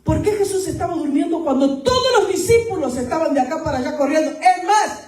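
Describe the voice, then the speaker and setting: A woman pastor preaching a sermon to her church, rising to emphatic peaks and dropping to hushed asides. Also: very high-pitched, lively intonation, brisk, reverberant, distant mic, low-quality recording.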